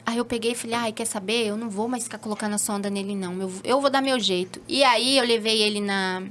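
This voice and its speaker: A woman in her thirties, a holistic therapist as an interview guest, telling a personal story and acting out what people said with sudden high exclamations. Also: fairly even intonation, quick pace, fairly bright tone, slight background noise. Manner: acts out quoted speech with sudden high exclamations.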